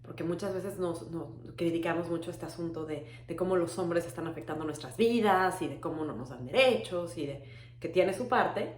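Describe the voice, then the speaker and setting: A woman's voice: on the low side, moderate pace, roomy sound. A young adult woman from Mexico with a Mexican accent, giving a reflective personal talk with hesitant restarts. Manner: thoughtful, frequent hesitant restarts. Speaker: webinar speaker.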